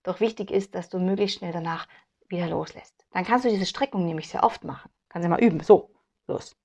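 A woman's voice: on the low side, brisk, darkish tone. A woman with a German accent teaching piano, patiently explaining and demonstrating at the keyboard. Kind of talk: piano tutorial instruction. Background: piano playing.

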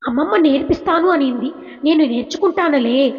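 Woman doing a teasing young storybook wife, high voice, coaxing, reverberant, lo-fi. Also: fairly quick. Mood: playful. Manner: coaxing and cheeky. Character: playful young village wife, teasing and sulky. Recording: reverberant, dull lo-fi recording.

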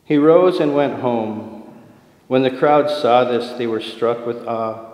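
A man reading scripture aloud at Mass as a deacon, with a measured, formal cadence and a long cathedral echo around his voice. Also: mid-range voice, a little mellow. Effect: cathedral echo, long church reverb. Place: large church. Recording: echoey large church with long reverb.

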